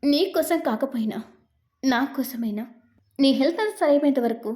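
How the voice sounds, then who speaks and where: Female narrator doing the hot-headed young husband, teasing, high and mellow. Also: expressive, moderate pace. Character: short-tempered young husband.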